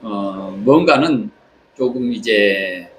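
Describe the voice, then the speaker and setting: Halting, reflective man with swooping intonation. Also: fairly low pitch, expressive. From South Korea. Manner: halting, pausing between short phrases. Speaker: vlogger. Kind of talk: reflective spoken monologue while travelling. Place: on holiday in Southeast Asia. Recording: clear background ambient noise.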